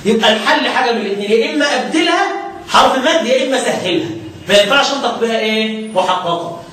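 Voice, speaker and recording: A man with a fairly high voice and an Egyptian accent, teaching as a sheikh of Quran recitation. He chants lines of verse slowly, then explains them in a quick colloquial way, asking his listeners questions as he goes. His voice rings through a very echoey room from a mic set well back. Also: lively intonation, fairly bright tone, distant mic, a little hiss or hum. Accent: Egyptian Arabic. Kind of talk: religious lesson explaining a chanted poem.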